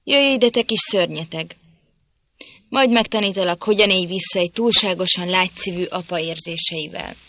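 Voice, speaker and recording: A woman reading an audiobook, voicing a drunken, violent young father who rants and threatens loudly. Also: medium pitch, animated, dry recording. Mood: roaring. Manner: loud, ranting, threatening.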